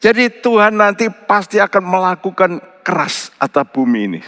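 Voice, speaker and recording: Animated preacher in a reverberant hall. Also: male voice, moderate pace. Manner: animated preaching with sudden high emphatic outbursts. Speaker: pastor. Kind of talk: sermon. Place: large church hall. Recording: church service with long hall reverb.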